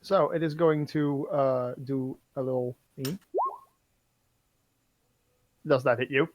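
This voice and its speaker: A man's voice: medium pitch, steady tone, takes it slowly, slight background noise. A man running a tabletop game online, narrating loosely with lots of fillers and swearing. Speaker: game master.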